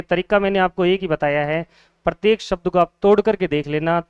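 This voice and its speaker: High-voiced Hindi grammar teacher, quizzing. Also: male voice, clean tone, no echo. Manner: asks questions and answers them himself, repeating key words. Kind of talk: exam-prep grammar lesson.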